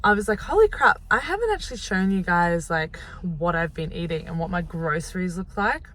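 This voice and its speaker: A young Australian woman with a lowish, fairly bright voice chats casually to her viewers from inside a car, her intonation lively and her pace brisk. This informal, rambling vlog was filmed on a phone camera, so the audio is noisy.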